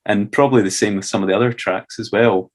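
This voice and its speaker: A Scottish man with a fairly low voice talks casually as a podcast co-host. He is easygoing and hedges his points with "sort of" and "kind of". He keeps a relaxed, conversational pace. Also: quick pace. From Scotland. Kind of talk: casual chat.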